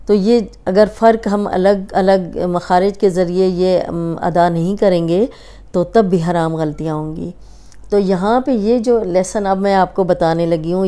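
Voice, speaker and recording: A Quran recitation teacher gives a recorded tajweed lesson in a warm, mellow, smooth voice that sits on the low side. She explains patiently, drawing out single letter sounds to show how each should be pronounced.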